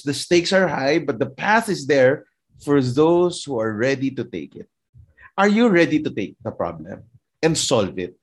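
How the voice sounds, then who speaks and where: A man's voice: on the high side, slightly rough. A man with a Filipino accent preaching a motivational sermon, repeating phrases and asking rhetorical questions. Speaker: pastor.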